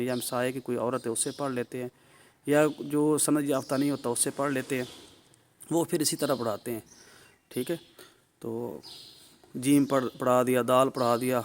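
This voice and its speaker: A man's voice: medium pitch, slight background noise. A man with a Pakistani Urdu accent teaching tajweed in a recorded lesson, explaining step by step, checking in often with the listener and carefully drawing out letter sounds. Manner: explanatory, frequent "ٹھیک ہے" check-ins.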